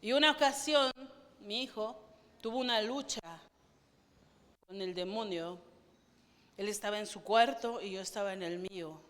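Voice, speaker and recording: A woman's voice: medium pitch, moderate pace, long pauses, a bit bright. A woman pastor preaching a fervent sermon and asking the congregation questions. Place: church. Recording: long reverb of a church hall.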